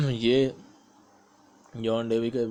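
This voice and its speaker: A man with a Pakistani accent explaining exam questions step by step, like a teacher, and reading the questions out slowly. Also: mid-range voice, fairly even intonation, mellow, a little hiss or hum. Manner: explains step by step, mixing English terms into Urdu, reads questions aloud slowly. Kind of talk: explanatory exam-prep lecture.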